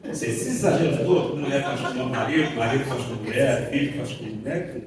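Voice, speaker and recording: A man's voice: mid-range voice, animated, brisk, a crowd in the background. A man with a Brazilian accent giving an informal seminar talk, chatty and joking, with slang. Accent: Brazilian Portuguese. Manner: chatty and jokey, uses slang, acts out little quotes. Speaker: seminar speaker. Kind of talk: informal lecture. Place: large hall before an audience. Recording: echoey hall, far from mic.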